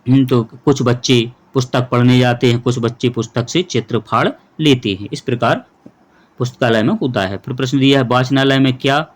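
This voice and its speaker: A man's voice: medium pitch, a little hiss or hum. Man teaching a workbook lesson. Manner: patient, explains step by step, addresses children. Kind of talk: workbook lesson for young pupils.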